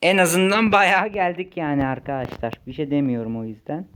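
A young man giving casual gameplay commentary, chatty, muttering when frustrated and shouting when excited. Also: on the high side, a little fast, noisy background. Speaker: gaming YouTuber.

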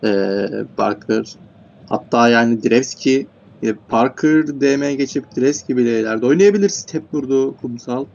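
A man's voice: mid-range voice, moderate pace, a little mellow, lo-fi sound. A man commentating an online football game, rattling off player names and rising sharply when goals go in. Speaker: play-by-play commentator. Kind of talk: esports match commentary.

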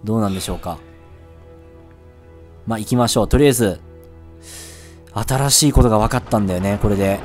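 A man commentating his own gameplay, excitable, yelping and swearing at enemies. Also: on the low side, brisk, pauses often. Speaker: let's-play gamer. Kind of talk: live game commentary. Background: game audio and music.

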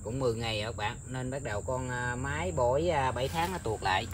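A man talking casually to his viewers outdoors, rambling with many filler pauses. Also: medium pitch, noisy background. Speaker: bird-trapping vlogger. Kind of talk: casual outdoor vlog narration. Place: outdoors in countryside.

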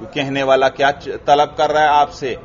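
A man's voice: fairly high pitch, fairly even intonation, normal speed, highs cut off. A man from Pakistan with a Pakistani Urdu accent, teaching a classroom grammar lecture and asking his students questions, then repeating their answers.

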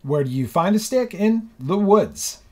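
A man's voice: sits high, animated, unhurried, a little mellow. A man narrating a bushcraft tutorial in a playful, jokey question-and-answer manner, outdoors in a park. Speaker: bushcraft channel co-host. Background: music.

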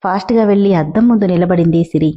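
A woman host reading a story aloud in a steady, gentle narration with direct appeals to listeners. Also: on the low side, quick pace, highs cut off.

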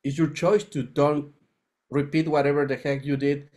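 A man's voice: fairly high pitch, level tone, normal speed, darkish tone. Man, forties, podcast guest, rambling and laughing, casual storytelling, studio condenser mic, home room. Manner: loose, laughing, rambling anecdotes. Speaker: guest, spiritual mentor. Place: home room with a poster on the wall. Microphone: large studio condenser mic with pop filter.

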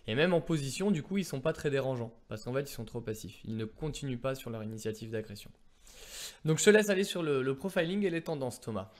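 A man explaining poker concepts in a casual two-person lesson, animated and fond of everyday comparisons. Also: mid-range voice, fast talker. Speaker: poker coach.

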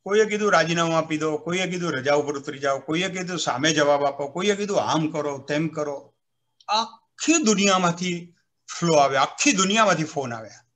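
Man, high and bright voice, very animated storyteller, acts out quotes and recites verse, speaking over a video call. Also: fairly quick. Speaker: retired civil servant speaking at a literary event. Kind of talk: anecdotal speech at an online literary program.

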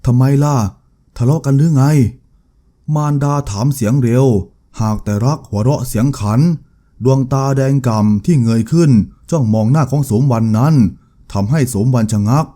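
Dark mellow guy reading a novel aloud, steady dramatic storyteller. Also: mid-range voice, moderate pace. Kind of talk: novel narration.

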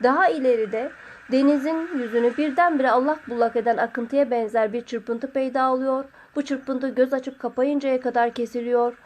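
A woman calmly narrating a literary short story as an audiobook reader. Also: fairly high pitch.

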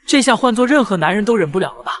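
Recap narrator: man with a high-pitched voice, brisk scripted storytelling. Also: expressive, fairly bright tone.

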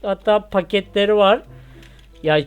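A young Turkish man with a high, smooth voice, talking chattily through a game and cracking jokes at himself. He speaks with a Turkish accent, over faint music. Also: a little slow. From Turkey. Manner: chatty, joking, yelps when he falls. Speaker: gaming YouTuber. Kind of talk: casual gameplay commentary.

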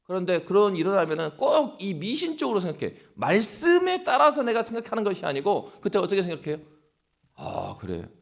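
A male pastor preaching a dawn sermon with animated storytelling and exhortation. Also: sits high, fast, few pauses.

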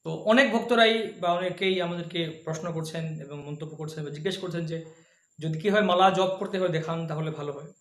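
A man giving a slow, patient devotional lesson, showing each step by hand and chanting softly between explanations. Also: fairly high pitch. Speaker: devotional teacher. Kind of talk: slow spoken instruction with chanting. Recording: echoey room.

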